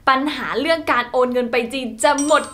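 A woman's voice: high voice, quick pace, fairly bright tone. A woman hosting a playful pronunciation lesson, chatty and teasing, often laughing. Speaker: host. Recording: music playing underneath.

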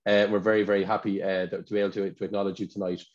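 Over dull, lo-fi video call audio, an Irish man hosts an awards ceremony in a low voice with little pitch movement. He talks rapid-fire and chattily, often repeating words while he searches for them.

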